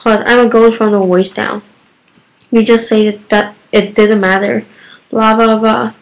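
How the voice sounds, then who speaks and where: A woman voicing a nervy, touchy young male satyr in a storybook read-aloud, reading in a hurried way that stumbles over words. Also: on the high side, level tone, low-quality recording.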